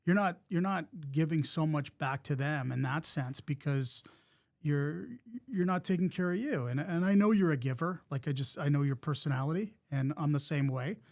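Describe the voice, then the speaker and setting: Upbeat podcast host, man, slightly high voice. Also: normal speed, a little mellow. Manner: encouraging, reflective, with repeated restarts. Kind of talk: casual interview talk.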